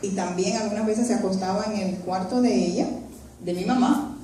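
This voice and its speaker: A woman giving an earnest personal testimony in a church, telling her story haltingly with restarts. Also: mid-range voice, crowd noise. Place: church hall. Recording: very echoey hall, voice from far off.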